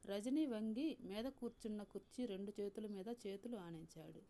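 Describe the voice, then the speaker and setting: A woman with a Telugu accent reading a story aloud in a calm, measured way, softly voicing the characters. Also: mid-range voice. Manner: calm, measured reading with soft voiced dialogue. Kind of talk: scripted story narration.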